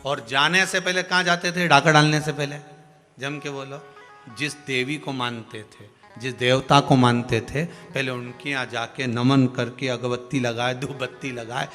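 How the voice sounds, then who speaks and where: Bright-voiced man preaching in an echoing hall. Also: mid-range voice, steady tone, measured pace. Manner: storytelling, rising to emphatic outbursts. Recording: echoey hall with music behind.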